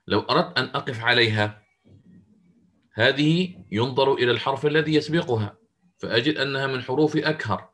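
A man's voice: mid-range voice, a bit bright. A man teaching Quranic recitation in an interactive online lesson. He explains the rules step by step and quizzes his students as he goes.

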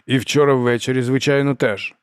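A man's voice: mid-range voice, fairly even intonation, a little fast, clean tone, no echo, clean studio sound, natural voice. A man voicing an old, stern lord marshal who drills a pupil with barked commands. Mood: scolding. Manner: barking, commanding.

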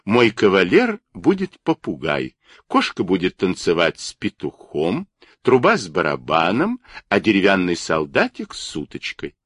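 A man's voice: deep voice, wildly swooping pitch, a little slow, fairly bright tone, breathy edge, dry recording, studio quality, heavily acted. A man voicing a bossy female toy doll who gives orders.

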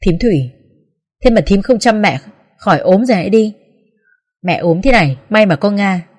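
A woman's voice: mid-range voice, expressive, normal speed, a little mellow, slightly rough. A woman voicing a reproachful, commanding elder sister-in-law.

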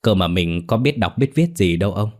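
A man's voice: low-pitched, expressive, a little fast, darkish tone. A man voicing a timid, worried old village mother who speaks hesitantly. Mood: anxious.

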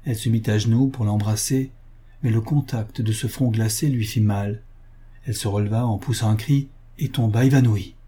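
A man reads a classic novel aloud in a steady, even way. His voice is very dark and mellow, with a husky edge. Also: fairly low pitch, moderate pace. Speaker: audiobook narrator. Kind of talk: scripted narration.

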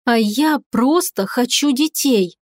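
A defiant young wife, played by a woman reader, sarcastic and impassioned, her voice sitting fairly high. The audiobook sound is close and dry, with no echo. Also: takes it slowly. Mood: indignant.

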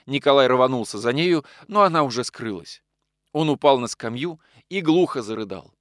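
Sex: male. Role: audiobook narrator. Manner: expressive, dramatic. Pitch: mid. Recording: dry and close. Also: normal speed, no room sound.

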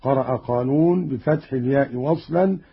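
A man's voice: medium pitch, normal speed, vocal fry, slightly rough. A man giving a methodical radio lesson, explaining recitation rules and quoting verses, from a dull lo-fi archival radio recording. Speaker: radio Quran reading teacher.

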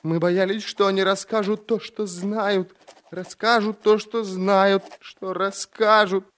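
Shrill, trembling panicked merchant. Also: male voice, flat delivery, slow, fairly bright tone. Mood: frantic. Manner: shrill, frantic, repeating himself. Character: panicked middle-aged male silk merchant prisoner.

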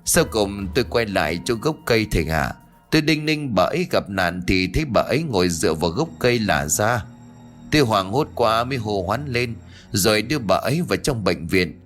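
Old village man in a ghost story, low, gruff and scolding, read by a male narrator. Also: sing-song, a little fast, fairly bright tone, faint music behind. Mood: weary. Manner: brusque, scolding, talks down to the young.

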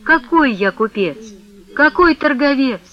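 A man voicing a timid, reluctant young man who speaks quietly with deep sighs, in a radio reading. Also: lively intonation, measured pace, muffled recording. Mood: protesting. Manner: quiet, sighing, half-whispered.

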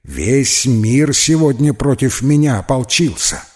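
A man's voice: mid-range voice, expressive, a little slow, voice pushed up, natural voice. A man voicing a whiny, theatrical red-haired schoolboy in a children's storybook. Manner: complaining, theatrical sighs. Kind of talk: storybook character voice.

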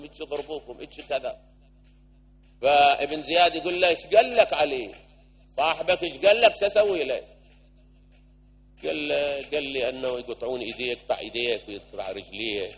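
A man delivers a sermon in a somewhat high voice. He tells stories, swinging from loud to hushed. The recording is muffled and lo-fi. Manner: storytelling with shifting loudness. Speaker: preacher. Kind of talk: religious sermon. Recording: dull lo-fi recording.

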